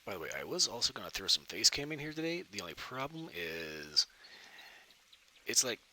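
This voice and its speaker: A man's voice: on the low side, sing-song, moderate pace, pushed and bright. A man giving casual, self-deprecating gameplay commentary as host, thinking aloud, with a cave-like echoey recording. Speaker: gaming video host. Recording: cave-like echoey sound, background noise.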